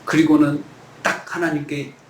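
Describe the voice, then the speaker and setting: Male pastor, earnest sermon delivery, high pitch, echoey hall. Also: level tone, moderate pace, slight background noise. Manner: earnest, acts out pleading prayers with rising voice. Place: church sanctuary.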